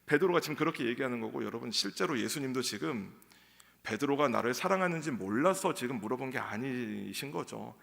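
A male pastor preaching a dawn sermon, acting out quoted lines in a raised pitch. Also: expressive, a little fast, creaky, fairly bright tone. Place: church sanctuary. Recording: long church hall reverb.

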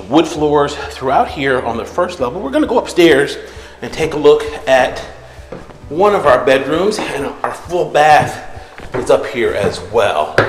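Relaxed man touring a house. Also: a little high, a little hiss or hum. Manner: relaxed, explanatory, frequent "uh" fillers. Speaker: real estate agent. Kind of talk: walkthrough home tour narration. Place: outdoors then inside an empty house.

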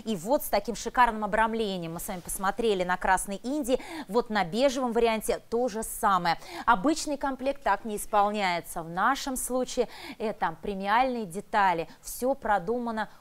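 A woman's voice: medium pitch, moderate pace. A woman presenting as a shopping channel expert, with a polished, emphatic and admiring sales delivery. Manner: emphatic, admiring product explanation. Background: background music.

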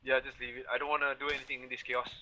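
A man's voice: mid-range voice, flat delivery, very fast, bright, forceful tone. A man giving blunt radio-style commands in a game, swearing and mixing in some Malay, over noisy voice chat. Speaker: commanding player in online military game.

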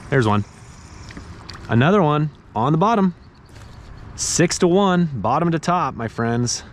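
A man in his thirties gives casual fishing commentary from a kayak out on a pond. He sounds chatty and easily excited, now and then tossing in dude or bro. His voice sits in a middling range, caught by a camera on the boat with a faint hiss of outdoor noise behind it. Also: medium pitch. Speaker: fishing vlogger. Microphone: action camera mounted on the kayak.

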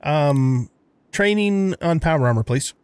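A man's voice: fairly high pitch, animated, a little slow, a little mellow, clean tone, no room sound. A man giving casual gameplay commentary, musing aloud in a rambling way. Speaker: gamer narrating a let's play.

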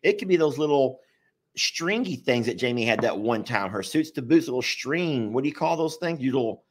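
A man with a deep Southern Texas drawl, chatting casually and jokingly on a live stream in a folksy, rambling way. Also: lively intonation, brisk. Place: living room at home.

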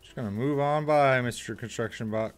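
A man giving casual gameplay commentary, excitable, swearing and yelping at enemies. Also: medium pitch, brisk, smooth, soft background music. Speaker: gameplay streamer.

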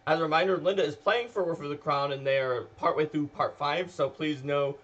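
A man's voice: a little high, fairly quick, a bit bright, highs cut off. A man co-hosting a casual chat show, talking in a chatty, rambling way with many fillers. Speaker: podcast co-host.

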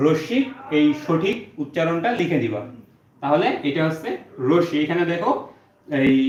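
A male teacher, giving an exam-prep lesson and explaining step by step, saying each point twice. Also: on the high side. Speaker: Bangla teacher. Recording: roomy, dull lo-fi sound.

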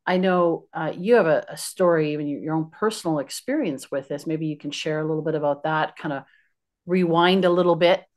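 A middle-aged woman hosting a podcast, asking a guest a thoughtful, halting question over a video call from her home office. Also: deep voice, a little mellow. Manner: thoughtful, halting, restarts phrases. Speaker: podcast host. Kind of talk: interview question.

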